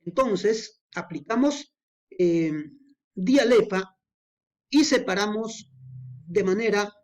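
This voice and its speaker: A woman's voice: medium pitch, slow, a little mellow. A woman teaching a lesson on poetic meter, explaining patiently with frequent fillers and worked examples.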